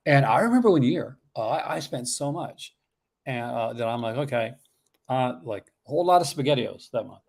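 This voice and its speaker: Male host, Newfoundland accent, mid-pitched voice, loose casual livestream delivery, excitable and rambling. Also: moderate pace, vocal fry. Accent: Newfoundland Canadian. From Newfoundland, Canada. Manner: rambling, excitable, chuckles often. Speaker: horror movie collecting channel host.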